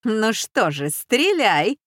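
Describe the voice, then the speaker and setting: A woman's voice: a little high, very animated, slow, dry recording, clean studio sound, exaggerated voice. A woman voicing a ruthless old female bandit who leads a gang, speaking in a commanding, scornful manner. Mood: mocking.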